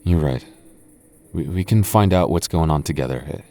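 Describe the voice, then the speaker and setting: A young man plays a goth boyfriend in a roleplay audio drama, anxious and easily spooked yet protective, his delivery hesitant, stammering and full of sighs. His voice rumbles low with a dark tone at a moderate pace, and he sounds nervous and reluctant.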